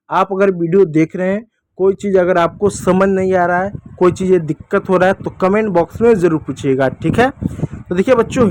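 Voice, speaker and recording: A man with a fairly high voice teaches children the alphabet, drawing out each vowel sound and repeating it so they can say it with him. His tone is patient and instructive. A faint hiss of noise sits under the recording. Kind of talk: Hindi alphabet lesson for children.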